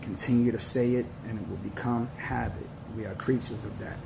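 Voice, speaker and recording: A man's voice: fairly low pitch, steady tone, creaky, background noise. A man in his forties giving an earnest, slangy motivational talk to his viewers. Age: 40s. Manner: earnest, preachy, slangy and slow. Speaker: vlogger.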